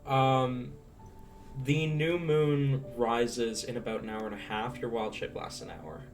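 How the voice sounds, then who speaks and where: A game master improvising narration for a tabletop role-playing game, halting and thinking aloud. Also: mid-range voice. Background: faint guitar music.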